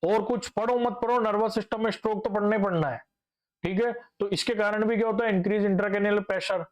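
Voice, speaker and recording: This is a young male nursing teacher with a high voice. He lectures patiently, asks the class questions and answers them himself, and repeats each key term a few times. He drops English medical words into his speech. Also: steady tone, fast talker.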